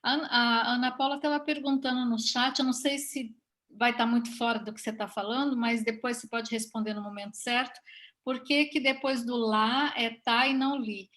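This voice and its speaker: A woman's voice: fairly high pitch, fairly even intonation, normal speed, a bit bright. A woman co-hosting a live online class, politely interrupting to pass on a viewer's question. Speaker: co-host relaying chat questions.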